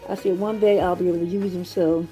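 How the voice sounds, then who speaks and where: Mellow-voiced woman chatting through a home vlog. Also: lowish voice, fairly even intonation, quick pace, soft background music. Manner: chatty, explains her projects step by step, addresses viewers. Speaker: vlogger. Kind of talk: casual home tour vlog. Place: indoors at home.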